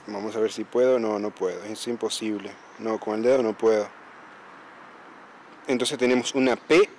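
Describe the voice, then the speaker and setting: A travel vlogger walks through empty city streets at dawn, casually spelling out street signs letter by letter and often repeating himself. His mid-range voice is a little mellow, with slight background noise in the walking vlog.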